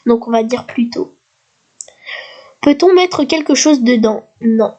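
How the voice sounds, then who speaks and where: A woman with a high voice and a slightly hoarse throat. She talks slowly and reads each quiz question aloud, then answers in an easy, chatty way, like a video creator playing a game for her viewers. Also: expressive, a little mellow, dull audio. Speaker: youtuber. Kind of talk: casual gaming commentary.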